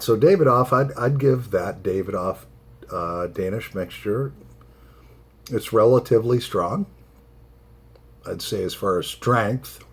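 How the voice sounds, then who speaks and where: Slow-talking man, rambling pipe smoker vlog. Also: fairly low pitch, slightly rough. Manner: unhurried, rambling, halting. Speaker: pipe tobacco reviewer. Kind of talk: casual solo vlog chat with rambling asides.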